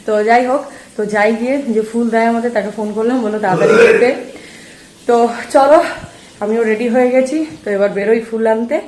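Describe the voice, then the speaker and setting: A woman's voice: fairly high pitch, steady tone, fast, darkish tone, roomy sound. A woman vlogger chatting casually to her viewers about her day at home. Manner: chatty, talks straight to viewers. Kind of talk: casual vlog chat.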